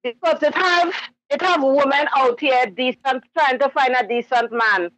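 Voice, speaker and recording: A woman's voice: high voice, normal speed, a bit bright, no echo, poor audio. A woman calling in to a talk show, earnestly giving her sympathetic view. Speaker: caller. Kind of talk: call-in radio commentary.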